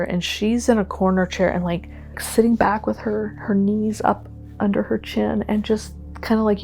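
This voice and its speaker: A middle-aged woman giving an earnest, reflective testimonial as a parent, sometimes halting with emotion. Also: mid-range voice, vocal fry, a little mellow. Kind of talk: documentary interview testimonial.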